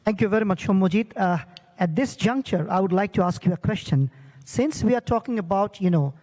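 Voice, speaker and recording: High-voiced middle-aged man moderating a panel. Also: fairly quick, a little mellow. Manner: hesitant, filler-heavy questioning. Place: large conference stage hall. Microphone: handheld mic. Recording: long hall reverb.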